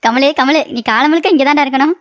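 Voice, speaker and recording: A woman voicing a bickering older mother-in-law in a cartoon comedy, scolding with quick sarcasm. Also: sits high, heavy background noise, lightly acted.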